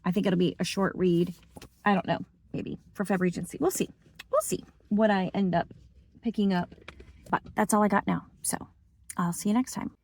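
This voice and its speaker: A woman's voice: mid-range voice, moderate pace, darkish tone. A woman chatting enthusiastically about her reading in a casual book vlog. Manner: enthusiastic, chatty, lots of fillers. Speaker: book vlogger.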